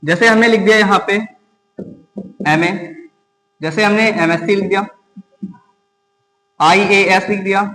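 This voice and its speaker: A man teaching an exam-prep grammar lesson in a fairly high voice, firing questions at the class and answering them himself. He repeats key words slowly to drive them home. The sound rings with a long, hall-like reverb. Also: fairly even intonation, sharp tone. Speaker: English teacher.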